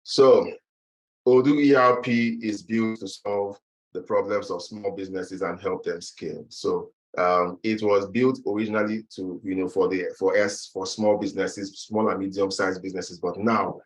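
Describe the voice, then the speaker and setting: Low-ish guy walking through a business webinar, lots of uhs and restarts, talking into a call mic. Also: steady tone, moderate pace, low-quality recording. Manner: hesitant, with frequent fillers and restarts. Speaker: webinar presenter. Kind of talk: online business presentation.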